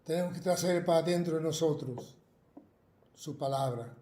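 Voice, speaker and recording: An Argentine pastor preaches and prays earnestly in a self-recorded video sermon, fervently repeating his phrases. His voice is on the high side and warm, at a normal speed, in an echoey room.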